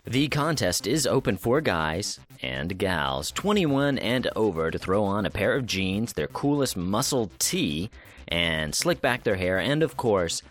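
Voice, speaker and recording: A man's voice: lowish voice, big pitch swings, measured pace. A man hosting a theater news podcast, reading the week's items in an upbeat, promotional way and often saying "of course.". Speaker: podcast host.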